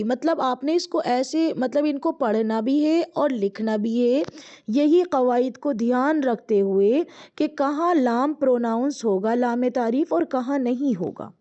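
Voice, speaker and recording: A woman teaching an Arabic reader lesson, reading each word slowly and drawn out, then explaining it quickly. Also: a little high, mellow, muffled recording. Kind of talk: explaining a language textbook lesson.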